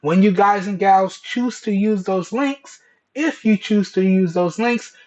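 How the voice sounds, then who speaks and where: This man's voice sits high and a little mellow, moving a little slowly. As a tech reviewer and video host, he presents a casual product test to camera, colloquially checking in with "okay" and "all right," and he's heard through a dull Bluetooth earbud headset mic.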